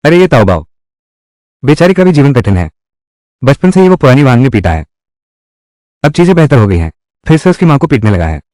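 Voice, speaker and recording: Lively man reading a dubbed drama. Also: mid-range voice, a little fast, long pauses, no echo, studio quality. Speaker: voice-over reader of a dubbed drama. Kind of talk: reading every character's lines in one voice.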